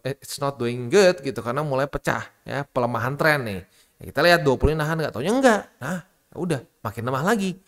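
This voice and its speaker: A man hosting a crypto channel, giving blunt, slangy, scolding market commentary. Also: a little high.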